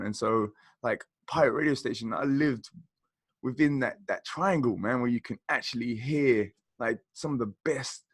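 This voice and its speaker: A man's voice: mid-range voice, dry recording. A man, co-hosting a podcast and chatting about music in an enthusiastic, rambling way. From South Croydon, London, England. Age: 40s. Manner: enthusiastic, rambling, peppered with "you know". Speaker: podcast co-host. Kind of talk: casual chat about music.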